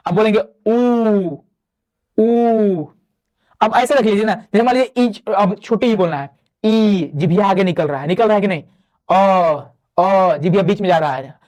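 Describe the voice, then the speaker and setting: This online exam-prep class features a man whose voice sits high with a darkish tone. Working through Hindi grammar step by step, he asks the students questions he then answers, stretches out vowel sounds to demonstrate them, and makes chatty remarks to the class.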